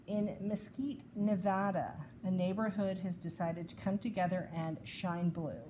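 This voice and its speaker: Lower-voiced woman over background noise. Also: level tone. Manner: measured, raises questions. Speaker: podcast co-host. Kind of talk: casual discussion, sharing articles.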